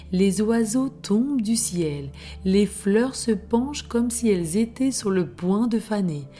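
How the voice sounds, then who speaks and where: Slow, soft-voiced woman telling a bedtime story. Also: medium pitch. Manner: soft, hushed, often whispered. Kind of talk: scripted bedtime story narration.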